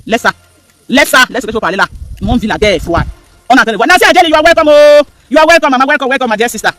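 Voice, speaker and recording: Commentator: man with a very high, bright voice, rapid emphatic delivery, rhetorical questions. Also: expressive, no room sound. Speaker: live stream commentator. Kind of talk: animated live stream commentary.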